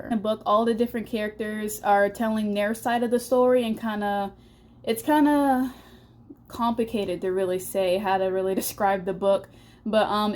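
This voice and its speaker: A woman's voice: fairly high pitch, a little mellow. A young woman in a casual book review vlog, chatty and rambling, with many fillers and restarts, a little out of breath. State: slightly out of breath. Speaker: book vlogger.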